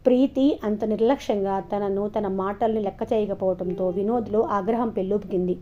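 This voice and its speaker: A woman storyteller narrating an audio novel in an expressive, steady way, in a dull lo-fi recording. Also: medium pitch, normal speed.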